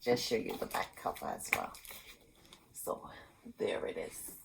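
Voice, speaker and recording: At an unhurried pace, a woman reads a storybook with lots of expression for a children's storytime, pausing for asides aimed at the little ones listening. The recording is low-quality, with slight background noise.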